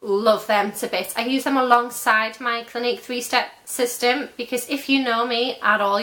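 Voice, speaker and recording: A woman's voice: on the high side, pushed and bright. A young woman reviewing beauty products in a chatty, gushing vlog while losing her voice. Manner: chatty and gushing, many fillers. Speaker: beauty vlogger.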